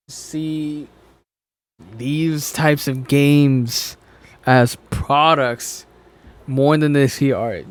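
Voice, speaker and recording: A man giving an off-the-cuff ranting reaction, argumentative and sweary, often halting, stumbling and correcting himself. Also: medium pitch. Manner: halting, stumbling over words, self-correcting. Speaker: reaction commentator, gamer. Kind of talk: off-the-cuff ranting commentary on a video.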